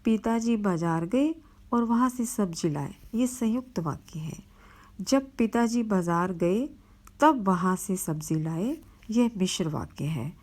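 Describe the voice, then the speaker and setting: A woman teacher leads a virtual class at an unhurried, deliberate pace. She explains each point with care and reads example sentences aloud for her students. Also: mid-range voice, expressive, darkish tone. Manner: slow, careful explanation with spoken examples. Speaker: school teacher.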